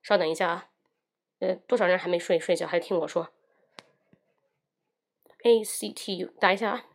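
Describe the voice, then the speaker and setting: A woman's voice: fairly low pitch, moderate pace, gravelly. Woman teaching English on a livestream. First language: Mandarin Chinese. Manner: switches between Mandarin and English, demonstrates phrases.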